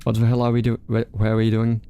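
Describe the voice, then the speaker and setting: A man's voice: medium pitch, completely flat delivery, fast talker, warm tone, clean tone, lightly acted. A man voicing a tiny, anxious young woman prisoner in a visual novel he is reading aloud. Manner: nervous, insecure, clipped.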